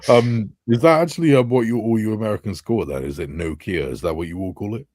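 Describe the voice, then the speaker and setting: A man's voice: fairly low pitch, fast talker, a little mellow, no room sound. A man with an English accent in casual podcast chat, joking, swearing and laughing often. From England. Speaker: podcast co-host.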